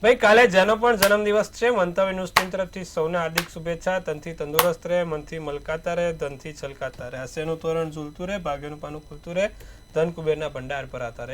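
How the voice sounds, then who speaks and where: A man's voice: a little high, quick pace, a little hiss or hum. A man giving an astrologer's daily horoscope and tarot reading, advising in repetitive, proverb-like phrases.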